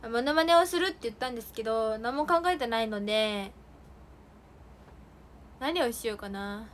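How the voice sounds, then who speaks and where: Bubbly high-voiced young woman livestreaming. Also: lively intonation, moderate pace, slight background noise. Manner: bubbly, chatty, giggly, talks to viewers. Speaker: idol livestream host. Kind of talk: casual solo livestream chat. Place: indoors during heavy rain. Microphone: phone or streaming mic.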